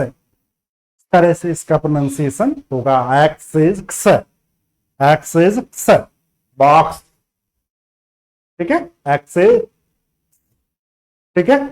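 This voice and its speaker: A man teaching beginner phonics, repeating each letter sound again and again and checking in often. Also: fairly high pitch. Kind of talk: beginner phonics lesson in Hindi.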